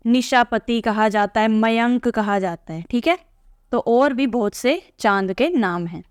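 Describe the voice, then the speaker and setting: A woman's voice: a little high, smooth, dry recording, studio quality. A woman teacher patiently explaining a textbook lesson to young pupils, often checking in with "theek hai?".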